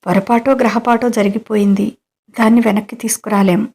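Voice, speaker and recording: Sex: woman. Role: storyteller. Style: scripted narration. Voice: dark, mellow. Delivery: flat, even. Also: fairly high pitch, a little fast. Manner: even, steady reading.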